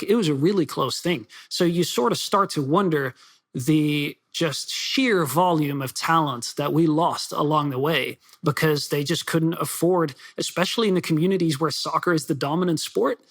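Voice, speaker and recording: Male author guest, raised in Belgium, rapid chatty answers, a bit higher pitch. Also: fairly bright tone. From Netherlands and Belgium. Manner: fast, chatty, with many fillers and restarts. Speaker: soccer writer and author. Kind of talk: podcast interview.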